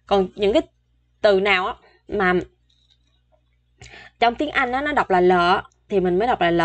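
Woman teaching Korean, repeating words. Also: medium pitch. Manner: repeats words slowly for practice, chatty with soft sentence endings. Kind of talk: online language lesson.

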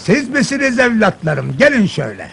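An actor playing a pompous older minister who scolds and whispers secrets in a 1970s film comedy. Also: male voice, high voice, huge pitch swings, brisk, creaky, sharp tone, a little hiss or hum, exaggerated voice.

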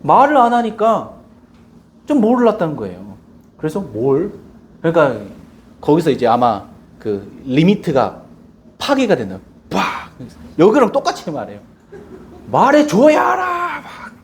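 Animated guy pastor preaching, acts out little quotes, faint hiss in the background. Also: on the high side, normal speed. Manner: animated storytelling with acted quotes. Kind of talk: sermon. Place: church.

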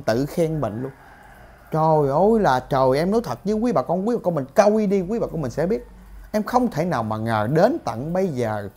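A woman's voice: fairly low pitch, warm tone. A woman, ranting in commentary to her viewers, indignant and full of exclamations. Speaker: gossip commentator.

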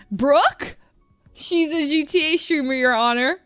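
A woman's voice: high voice, a bit bright, no room sound. A woman livestreamer giving casual reaction commentary over livestream headset audio, giggling as she reads names aloud. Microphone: headset mic.

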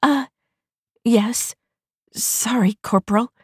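A woman's voice: medium pitch, fairly even intonation, slow pace, darkish tone, no echo, clean studio sound, pitched above the performer's own voice. A woman voicing a nervous young female mech recruit who stammers in a wavering voice, in an audiobook.

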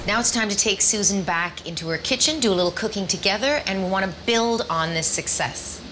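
A woman's voice: mid-range voice, brisk. A woman in her forties, a cooking show host, upbeat and encouraging as she talks a home cook through a recipe in a home kitchen on a lapel mic. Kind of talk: cooking show instruction and voice-over. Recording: music bed under the voice. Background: music.

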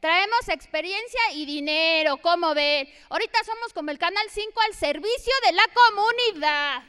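A woman's voice: very high voice, lively intonation, normal speed, sharp tone. A woman, telling a brash, swearing stand-up set on stage. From Mexico. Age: 30s. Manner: brash, swearing, punchy storytelling. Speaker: stand-up comedian. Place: comedy stage before a laughing audience.

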